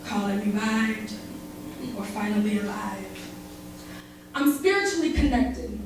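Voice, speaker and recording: A woman's voice: mid-range voice, animated, measured pace, noisy background. A woman performing spoken word poetry live, with a rhythmic, dramatic delivery that rises and drops. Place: barbershop, live event. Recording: echoey live room recording from far off.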